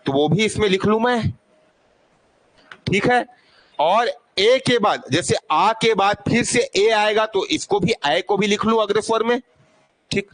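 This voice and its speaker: A man with a high voice teaches a class at an unhurried pace. He keeps quizzing his students, asking each question twice and prompting them to answer out loud. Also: dry recording, poor audio. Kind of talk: classroom lesson.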